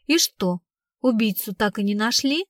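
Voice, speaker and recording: A woman's voice: on the high side, lively intonation, normal speed, no room sound, studio quality, lightly acted. Woman doing a nosy, gushing older woman. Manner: breathy, gushing. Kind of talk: audiobook reading.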